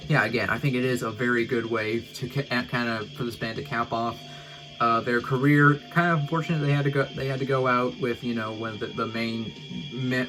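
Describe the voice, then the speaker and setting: A man in the middle of an album ranking, talking off the cuff in a relaxed, meandering way with plenty of fillers. His voice sits at an ordinary pitch for a man. Soft music plays faintly underneath. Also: rough recording. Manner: rambling, laid-back, lots of "like" and "uh". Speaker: music reviewer. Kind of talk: casual album ranking vlog.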